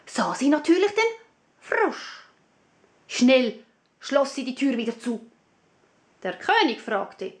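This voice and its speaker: A woman telling a fairy tale for children, taking her time over every sentence. Her high voice rises and falls a great deal as she paints the story. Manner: slow, clear and expressive.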